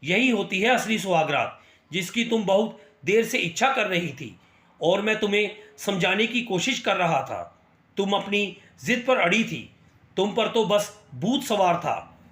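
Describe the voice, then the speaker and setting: A harsh, scolding young husband with a high-set voice, read by a male narrator. The recording has a roomy echo. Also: expressive, measured pace, a bit bright. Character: angry domineering young husband.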